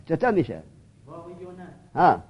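High-voiced man drilling students. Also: wildly swooping pitch, slightly rough, lo-fi sound. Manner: drilling, repeats questions, prods students. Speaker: teacher. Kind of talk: Arabic grammar lesson, questioning students.

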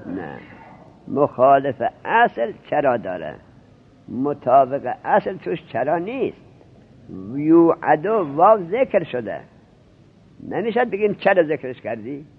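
On a tinny, lo-fi narrowband recording, a seminary teacher drills and questions his students while explaining Arabic grammar in Persian. His slightly rough voice sits on the high side, with big pitch swings and long pauses.

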